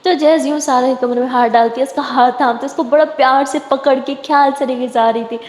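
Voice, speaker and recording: A woman narrating a story in a chatty, animated way. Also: high voice. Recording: echoey room with long reverb.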